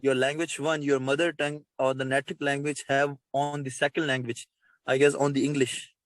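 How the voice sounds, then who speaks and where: A Pakistani man whose native language is Urdu speaks with a Pakistani accent in a mid-range, level voice at a moderate pace, in a dry recording. Conducting an informal interview, he asks hesitant, repetitive and wordy questions.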